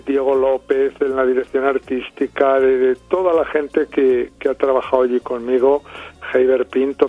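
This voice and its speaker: A middle-aged man from Spain with a Spain Spanish accent reflects on his film in a radio interview. He talks at a mid pitch, pausing and restarting as he thinks. His voice arrives dry and narrow, like a telephone line. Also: dry recording. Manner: thoughtful, frequent hesitations and restarts. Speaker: film director guest. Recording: dry, tinny phone line.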